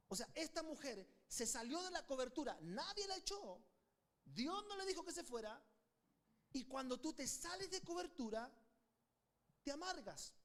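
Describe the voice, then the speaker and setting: A man's voice: very high voice, a bit bright. A man with a Chilean accent, a pastor preaching a fervent sermon and calling on the congregation to repeat after him.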